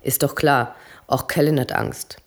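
A reader narrating a crime novel in an even, conversational manner. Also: mid-range voice, measured pace. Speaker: audiobook reader. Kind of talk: reading fiction aloud.

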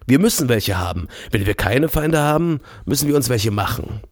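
A man's voice: medium pitch, lively intonation, normal speed, no room sound, clean studio sound. A man voicing a quarrelsome, smug geopolitician in an audiobook, arguing his point. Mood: argumentative. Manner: argumentative.

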